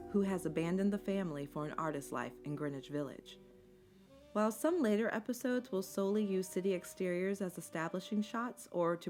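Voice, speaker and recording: Low-voiced woman narrating a documentary over music. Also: darkish tone. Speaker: video essay narrator. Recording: music bed under the voice. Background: instrumental music.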